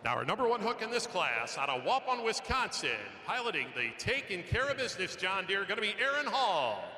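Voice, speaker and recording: High, swooping male tractor pull announcer. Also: very animated, a little fast, pushed and bright. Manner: showy announcer delivery, drawing out introductions. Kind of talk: live arena announcing of a competitor lineup. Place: large indoor arena. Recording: echoey arena PA with noise.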